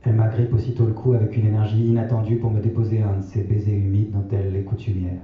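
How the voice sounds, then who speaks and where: Man reading his novel, low voice, calm and measured, lots of room echo, kinda muffled. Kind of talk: literary reading. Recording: echoey, distant, slightly dull.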